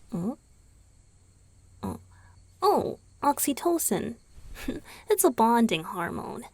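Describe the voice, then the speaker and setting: Acted by a woman, the vampire boyfriend in this intimate ASMR roleplay is gentle and teasing, speaking straight to the listener in a close, dry, echo-free recording. Drawing out words and leaving long pauses, he explains patiently in an exaggerated voice, often nearly whispering, with a lively, affectionate rise and fall in pitch. The overall mood is playful teasing.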